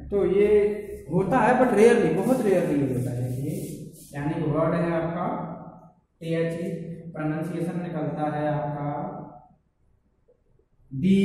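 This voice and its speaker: A man's voice: sits high, mellow. A man teaching an English grammar lesson, mixing Hindi and English, who keeps asking a question and answering it himself. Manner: mixes Hindi with English words. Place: school classroom. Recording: echoey classroom, voice from far off.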